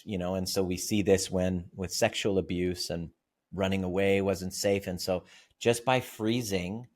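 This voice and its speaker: Man, fairly low voice, therapist guest, podcast interview, explanatory, storytelling. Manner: explanatory, vivid storytelling with examples.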